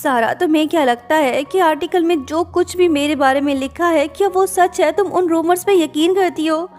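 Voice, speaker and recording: A woman voicing a guilt-ridden young male pop idol, speaking in a quiet, remorseful way. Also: very high voice, normal speed, soft background music.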